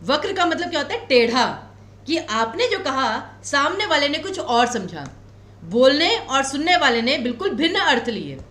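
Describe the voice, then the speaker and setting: Lady teacher in an echoey room, high voice, goes way up and down, slow careful explaining. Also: sing-song, a bit bright. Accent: Himachali Hindi. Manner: explains patiently, repeats key points slowly; reassuring, tells students not to worry. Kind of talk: exam coaching lecture.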